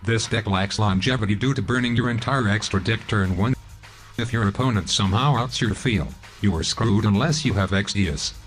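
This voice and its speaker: Low male text-to-speech robot voice. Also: fairly quick, a bit bright, soft background music. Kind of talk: scripted card game deck explanation.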